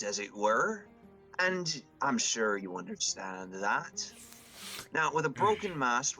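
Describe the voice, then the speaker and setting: A silver-tongued pirate haggling in a slow, lowered, mock-polite drawl, as a man puts him on. The voice is lively and bright, swinging up and down as he bargains. It is smooth, crafty and unhurried. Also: exaggerated voice.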